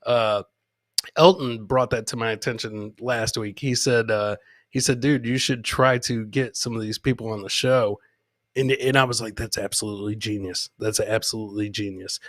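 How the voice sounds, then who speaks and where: Speaking fairly low and steady at normal speed, with a touch of brightness, the middle-aged host keeps his comedy podcast's live-stream chat loose and profane. He repeats phrases to drive points home and works the crowd like a showman. The studio recording is clean, with no echo.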